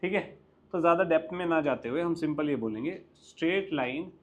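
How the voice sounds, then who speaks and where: A young man with an Indian accent teaching a maths class, lively and coaxing, often quizzing his students. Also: fairly high pitch, brisk. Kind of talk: classroom lecture mixing Hindi and English.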